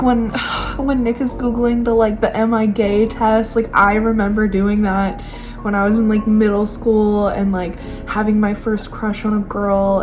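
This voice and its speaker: A woman in her twenties, gushing and excitable, chatting casually in a reading vlog at home, often trailing off and restarting. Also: mid-range voice, low-quality recording. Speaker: book vlogger. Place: at home indoors.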